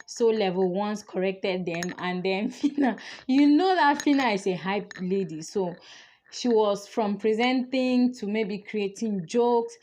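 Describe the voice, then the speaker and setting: A woman's voice: mid-range voice, a little slow, darkish tone, a little hiss or hum. Young woman, chatty and opinionated recap host, talks off the cuff with ums and restarts. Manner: chatty and opinionated, thinking aloud with fillers. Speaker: reality show commentator. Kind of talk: casual chat.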